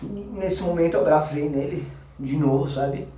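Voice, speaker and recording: A young man with a Brazilian Portuguese accent tells an intense personal story, rushing in agitated bursts and then slowing to hushed, trailing phrases full of fillers. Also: a little high. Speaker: vlogger telling a personal experience. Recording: roomy, mic at a distance.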